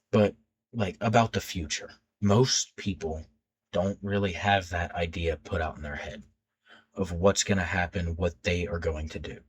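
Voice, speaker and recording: A teenage man talking in an unscripted casual vlog, rambling and stuttering as he restarts his sentences. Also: sits low. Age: late teens. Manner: stutters when nervous, rambling with many restarts. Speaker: YouTube creator.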